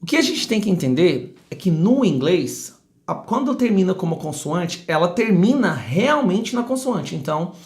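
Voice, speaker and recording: A Brazilian man teaching English pronunciation, speaking close to the mic and slowly repeating model words with emphasis. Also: high voice, big pitch swings, darkish tone. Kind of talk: pronunciation lesson. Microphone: close microphone.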